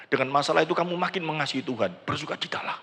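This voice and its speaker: An older man preaching a sermon in a large church, acting out quoted prayers with animated delivery. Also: a little high, rapid-fire. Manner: animated preaching, acts out quoted prayers, mixes in Javanese words. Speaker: pastor. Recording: church sound system with long hall reverb.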